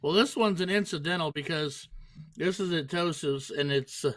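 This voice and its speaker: A man's voice: fairly high pitch, normal speed, fairly bright tone. A man giving casual live darts commentary.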